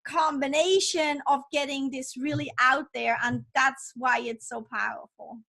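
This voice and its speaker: A woman's voice: high-pitched, fairly even intonation, a little slow, creaky, sharp tone. A woman author, not a native English speaker, talking with upbeat enthusiasm as a podcast guest. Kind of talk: casual interview chat.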